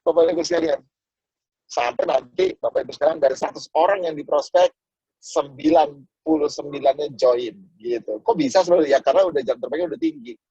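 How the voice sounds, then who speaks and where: A man giving a motivational network marketing talk over a video call, acting out little dialogues and jumping to sudden high exclamations. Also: creaky, dark tone, breathy edge, no room sound, muffled recording.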